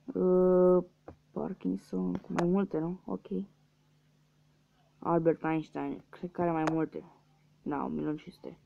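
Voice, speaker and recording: A man's voice: on the high side, level tone, creaky, pauses often. A young man from Romania giving casual let's-play commentary, muttering guesses and swearing at losses. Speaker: gaming youtuber. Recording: dull lo-fi mic with faint hiss.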